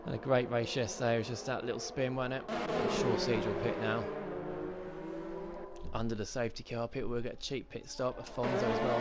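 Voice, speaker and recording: Casting: male esports motorsport commentator, medium pitch, reactive live race calls with repeated phrases, heavy music bed and engine noise behind. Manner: reacts aloud to on-track action with repeated phrases.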